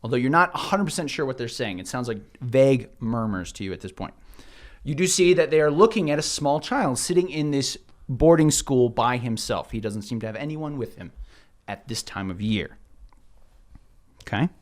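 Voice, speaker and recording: A man's voice: medium pitch, animated, normal speed. A man narrating a tabletop role-playing game as game master, informal and joking, often interrupting himself.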